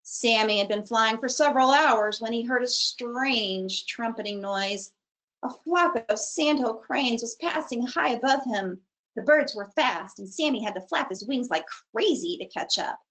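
A woman reading a children's picture book aloud for a storytime, with a lively, expressive delivery. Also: a little high, unhurried, rough recording. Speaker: storytime reader.

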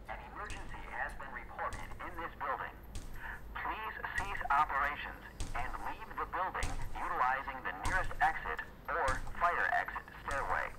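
A man voicing a formal, measured emergency evacuation announcement in a video game. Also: fairly high pitch, sing-song, noisy background. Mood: formal, urgent. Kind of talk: scripted public address announcement.

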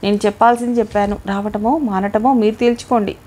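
A woman's voice: medium pitch, steady tone, quick pace, a little mellow, close to an everyday voice. A woman reading a pushy middle-aged go-between man. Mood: insistent. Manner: pressing, lecturing.

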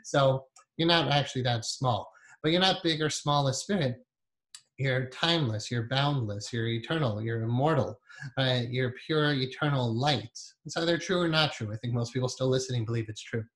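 A man in his fifties guiding a meditation class in an unhurried, conversational way, with pauses between phrases. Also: medium pitch, a bit bright. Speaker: meditation teacher. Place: small indoor room. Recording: echoey, roomy sound.

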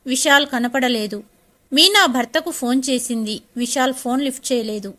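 A woman storyteller reading an audiobook in a steady, expressive voice. Her pitch is high and her tone bright and clear. The delivery is even and practiced. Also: normal speed.

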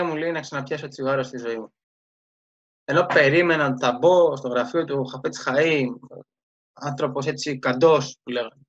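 A man telling a religious story in a casual daily talk, with many fillers and restarts. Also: on the high side. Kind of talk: casual spoken storytelling lesson. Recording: dull lo-fi sound.

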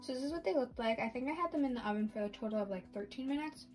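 Racing through her words in a highish, darkish voice with lively intonation, a young baking vlogger narrates a recipe casually in her home kitchen, thinking out loud. Faint music plays behind her, and she stays mostly off-frame from a camera on the counter.

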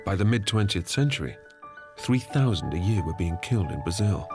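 A man reading scripted nature documentary narration in a measured storytelling manner. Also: sits low, big pitch swings. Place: studio voice-over. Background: background music.

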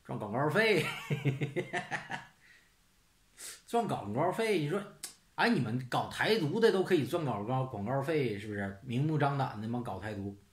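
Man, sarcastic, crude, rhetorical questions, very lively pitch, roomy echo. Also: brisk. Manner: sarcastic, blunt, swearing; rhetorical questions, "是不是" tag. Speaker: channel host. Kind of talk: casual ranting monologue.

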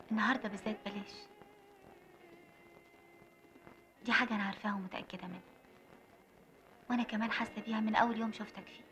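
An actress playing a torn young Egyptian bride. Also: female voice, a little high, a bit bright, slight background noise, close to an everyday voice. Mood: pleading. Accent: Egyptian Arabic. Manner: earnest, pleading. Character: young woman, bride torn between duty and love. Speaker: bride in a film. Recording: slightly muffled film soundtrack.

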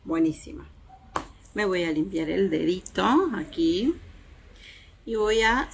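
Woman doing a makeup review out on her terrace, lowish gravelly voice, faint noise behind. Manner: chatty, hesitant fillers, shows swatches to viewers. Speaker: beauty vlogger. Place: home terrace, outdoors in daylight.

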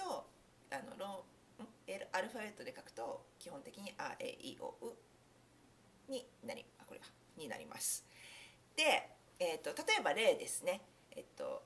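Low-pitched woman teaching with lively intonation. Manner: friendly explaining, many fillers and self-corrections. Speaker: English pronunciation teacher. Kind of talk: casual spoken lesson.

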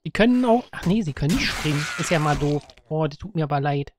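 Giggly woman gaming, lowish voice. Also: lively intonation, quick pace, noisy background. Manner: chatty, giggly, talks to the zombies, bursts into sing-song rhymes. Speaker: let's play gamer. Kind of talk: casual gameplay commentary.

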